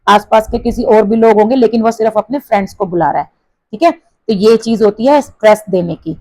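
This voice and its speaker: This female teacher speaks in a warm, mid-range voice with an Indian accent, mixing Hindi into her English as she explains a textbook exercise. Example sentences come out slow and emphasized, and while there's no room sound, the audio is poor.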